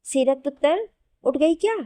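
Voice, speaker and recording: A woman's voice: sits high, lively intonation, unhurried, mellow, no room sound, pitched above the performer's own voice. Woman reading as a fond but firm mother-in-law. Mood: affectionate. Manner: motherly and scolding by turns. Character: affectionate, firm middle-aged mother-in-law. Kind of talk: Hindi audio novel reading.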